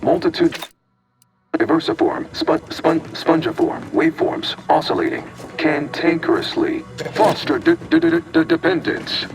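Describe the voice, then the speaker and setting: A man's voice: a little high, expressive, a little slow, creaky, distant mic, music in the background, poor audio. A man voicing a malfunctioning male archive AI in a video game, its speech glitching and stuttering over broken syllables. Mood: glitching, fragmented. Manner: lofty pronouncements breaking into stuck, repeating fragments. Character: malfunctioning male archive AI, grandiose, coldly corporate. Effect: glitching, stuttering machine voice that repeats broken syllables.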